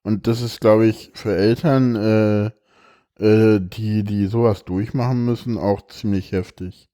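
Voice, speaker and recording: A tired man hosting a podcast, talking haltingly with many fillers and reading a text aloud with feeling. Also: on the low side, steady tone, dark tone. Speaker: podcast host.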